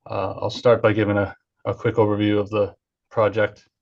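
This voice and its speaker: A man's voice: lowish voice, little pitch movement, normal speed, creaky. A man, an engineer, giving a formal project presentation at a public hearing over an online video call. He speaks hesitantly, with many "uh" fillers. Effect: heard over an online video call. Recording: dull lo-fi call audio.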